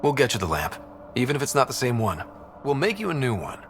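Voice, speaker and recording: Playing an earnest young space explorer for a video game, a man talks quickly in a plain, direct, easygoing manner that feels friendly and casual. His mid-range voice swings hugely in pitch, with slight background noise behind it.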